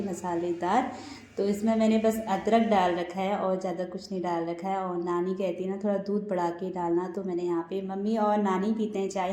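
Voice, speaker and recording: A woman's voice: medium pitch, mellow. A woman vlogger and mother giving a chatty, casual voice-over of her daily routine, often talking to viewers as friends. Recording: roomy echo with faint background music.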